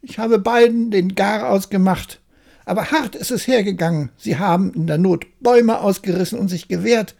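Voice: mid-range voice, moderate pace, creaky, a little mellow, pitched above the performer's own voice, close to an everyday voice. A reader voicing a cheeky, boastful young tailor from a fairy tale, bragging cheerfully. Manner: brags cheerfully.

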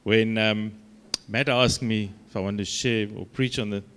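A man from South Africa with a broad Afrikaans accent, giving an informal sermon as a guest preacher in a halting, conversational, self-deprecating way. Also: on the low side, steady tone, a bit bright, smooth.

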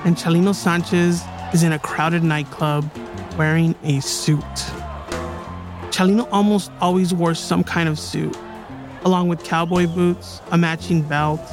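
A man hosting a podcast, telling a true story in scripted documentary narration. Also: a little high. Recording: music bed behind the voice.

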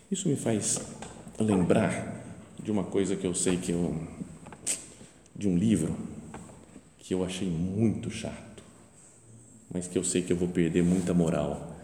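A man's voice: low-pitched, a little hiss or hum. A man, a priest, giving a conversational homily, telling stories and acting out quotes. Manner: conversational, animated storytelling with acted quotes. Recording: echoey church with long reverb.

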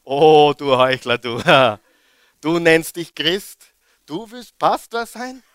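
A man voicing a sneering male devil who whispers temptations and mocks, in a low, hushed tone. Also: very animated, takes it slowly, clean tone, dry recording, clean studio sound, full character voice. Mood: mocking. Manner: mocking, insinuating.

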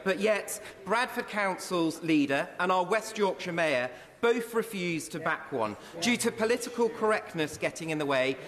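A man speaking forcefully and insistently as a member of parliament in a heated debate. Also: high-pitched. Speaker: member of parliament asking a question. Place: large indoor parliamentary chamber. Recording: reverberant chamber with crowd murmur.

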